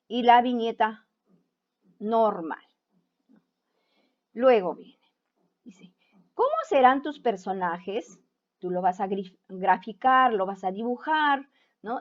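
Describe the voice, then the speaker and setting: A woman's voice: a little high, darkish tone. A woman teacher giving an online class to students, who keeps tagging her sentences with a checking "¿no?". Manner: keeps asking "¿no?" to check understanding. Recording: dull lo-fi home recording.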